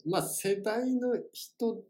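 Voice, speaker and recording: A man's voice: high-pitched, very slow, mellow. A young man co-hosting a casual podcast chat, joking politely and running little quizzes. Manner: polite, joking, quiz-giving. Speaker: podcast co-host.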